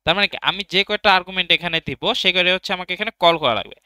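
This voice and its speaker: A man's voice: high-pitched, very fast, sharp tone, clean tone, no echo. A young man teaching programming in a casual tutorial, thinking aloud as he types and answering his own questions. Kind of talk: casual screen-recorded coding tutorial.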